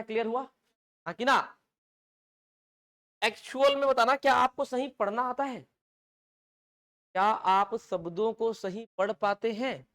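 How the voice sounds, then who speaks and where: Drilling teacher with a Chhattisgarh Hindi accent. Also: male voice, high-pitched, fairly bright tone. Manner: drilling, keeps asking "yes or no?" and having students repeat words. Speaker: English teacher. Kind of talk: live online class lecture.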